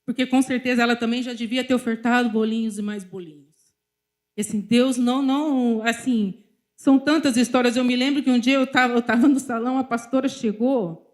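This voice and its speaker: A woman with a Brazilian Portuguese accent preaches in a somewhat high voice. She is middle-aged and tells personal stories to a church congregation, turning to speak straight to them again and again. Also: fairly even intonation, brisk. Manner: storytelling, often addressing the congregation directly. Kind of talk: sermon with personal testimony.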